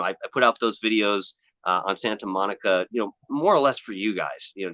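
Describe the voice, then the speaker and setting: A man's voice: on the low side, a bit bright, dry recording, muffled recording. A tired man hosting a live stream outdoors, chatting casually in a rambling way and greeting viewers by name. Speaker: paranormal show host. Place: outdoors on hills.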